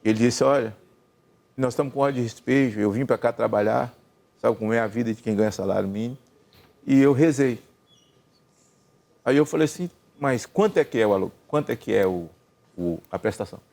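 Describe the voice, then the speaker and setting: An older Brazilian man telling a long personal story in casual chat, acting out the dialogue with lively swings in his voice. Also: mid-range voice, fairly quick, vocal fry, pauses often. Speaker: gospel singer and senator telling a story.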